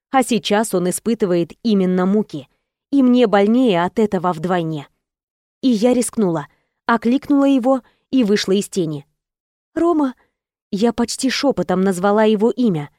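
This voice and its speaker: A woman's voice: mid-range voice, mellow, no room sound, studio quality. Emotional woman narrating an audiobook. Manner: emotional, earnest storytelling. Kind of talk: first-person audiobook narration.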